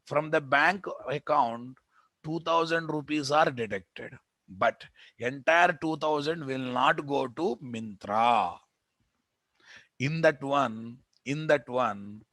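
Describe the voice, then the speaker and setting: A man's voice: fairly high pitch, fairly bright tone, dry recording. A man with a Telugu Indian accent teaching a live technical class as an instructor, repeating phrases and putting questions to his students. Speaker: programming instructor. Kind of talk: live technical lecture, explaining and dictating notes. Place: online class recording.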